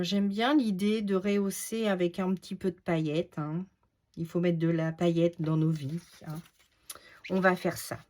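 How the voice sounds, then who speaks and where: A woman's voice: fairly low pitch, mellow. A woman with a Norman French accent giving a casual crafting tutorial, thinking aloud and muttering to herself as she works. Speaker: crafter showing card-making.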